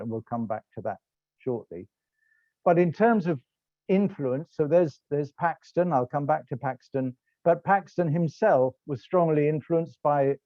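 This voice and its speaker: A middle-aged man with a British accent gives an online slide lecture in a conversational way, often breaking off to correct himself. His pitch sits in an ordinary middle range. The sound is dry and dull, like a computer microphone. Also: no room sound. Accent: British English. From England. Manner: rambling, self-correcting, conversational. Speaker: lecturer and tour guide.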